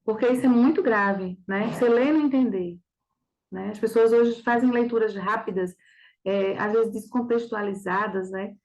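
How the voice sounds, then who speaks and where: High-voiced woman teacher, didactic. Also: moderate pace, a little mellow, poor audio. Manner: didactic, with frequent checking questions. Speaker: Portuguese teacher. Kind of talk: reviewing a practice exam.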